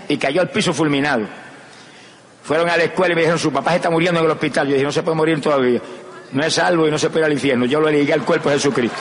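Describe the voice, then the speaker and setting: Predicador de acento puertorriqueño, voz aguda y sala resonante. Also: male voice, a little high. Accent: Puerto Rican Spanish. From Puerto Rico. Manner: swings from soft storytelling to loud shouted exclamations. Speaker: evangelist preacher. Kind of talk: fervent sermon with personal testimony. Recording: echoey hall recording with crowd noise.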